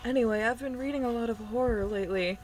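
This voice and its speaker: A woman voicing a shy, gentle, bookish young woman, soft and hesitant, while reading a visual novel aloud. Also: a little high, quick pace, slight background noise, lightly acted, low-quality recording. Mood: thoughtful.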